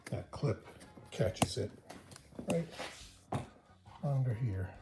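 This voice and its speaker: A car restoration host gives relaxed, hands-on narration from inside a car in a garage, explaining each step as he goes. His mid-range voice is animated and draws out words, with loud music playing behind it.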